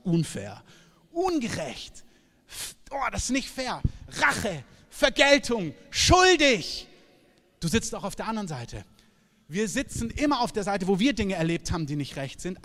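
A man preaching a sermon in a lively, emphatic, conversational way, with sudden loud bursts. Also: high voice. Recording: long reverb of a large hall.

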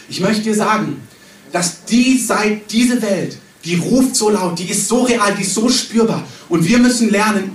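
A man giving a charismatic sermon in an emphatic, conversational way, recorded by a distant mic in a hall. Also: high voice. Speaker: preacher. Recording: echoey hall, distant mic, faint room noise.

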